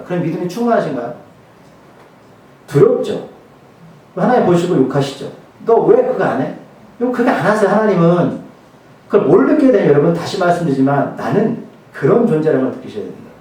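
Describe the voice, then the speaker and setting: A male pastor preaches in a casual, joking way and keeps putting rhetorical questions to his congregation. His voice is high and very lively. It comes from some distance away and rings through a very echoey church hall. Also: quick pace. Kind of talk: sermon. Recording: very echoey hall, mic far off.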